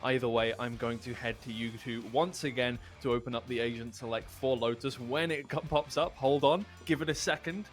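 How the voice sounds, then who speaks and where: British esports host handing over. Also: male voice, mid-range voice, fairly even intonation, soft background music. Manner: brisk, upbeat handover. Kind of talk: broadcast hosting.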